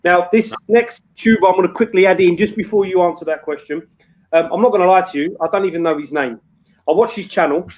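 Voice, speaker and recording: A man's voice: high voice, fast talker. A man hosting a casual livestream in a matey, rambling, sweary way. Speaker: livestream host.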